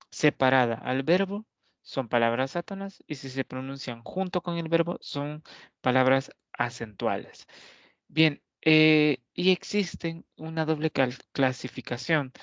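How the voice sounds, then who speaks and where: Male teacher, very slow and methodical delivery, mid-pitched voice; dull lo-fi recording, dry and close. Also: clear, resonant tone, dry recording. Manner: slow, deliberate explaining with frequent pauses and checks on the listener. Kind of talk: recorded grammar lesson.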